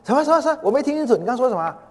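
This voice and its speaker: A man's voice: on the high side, expressive, fairly quick, warm tone, close to an everyday voice. A man voicing a domineering middle-aged husband who bullies his wife with ultimatums, heard in a reverberant hall. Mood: incredulous. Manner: bullying, demanding.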